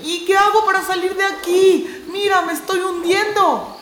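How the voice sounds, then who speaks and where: A woman voicing a small, frightened, childlike male heart creature who cries out in high-pitched panic. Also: steady tone, moderate pace, fairly bright tone, a little hiss or hum. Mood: panicked. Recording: roomy with background music.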